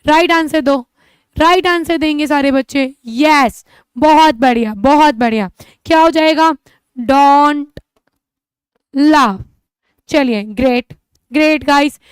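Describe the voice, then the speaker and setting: A woman's voice: sits high, slow, pauses often, dry recording. A woman teacher giving an English-speaking class, encouraging her students and repeatedly asking and answering her own questions. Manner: addresses students as children. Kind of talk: online class lesson.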